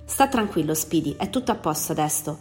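A harried male space engineer, played by a woman reading aloud, pleads and shouts in a storybook tale. The voice sits a little low, and a long reverb hangs on it with faint music underneath. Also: steady tone, normal speed, natural voice. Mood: calm.

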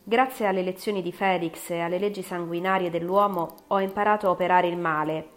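A woman reading an audiobook narration in a measured, dramatic way. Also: on the low side, steady tone. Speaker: audiobook reader. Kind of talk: scripted narration.

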